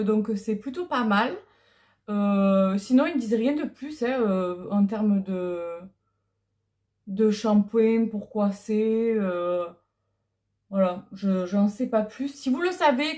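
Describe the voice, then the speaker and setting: Talkative woman unboxing stuff, kinda high voice, lots of ums, clip-on mic. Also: a little mellow. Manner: chatty, hesitant, many fillers. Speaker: vlogger. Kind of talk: casual unboxing chat. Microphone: clip-on lapel mic.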